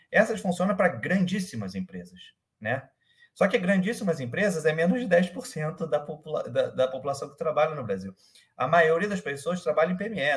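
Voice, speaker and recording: A medium-pitched man from Rio de Janeiro, his carioca Brazilian Portuguese accent softened by years in São Paulo, speaks hesitantly with many fillers and restarts. He's a company manager appearing as a guest in a casual interview, talking from a room at home over a webcam or laptop mic on a video call.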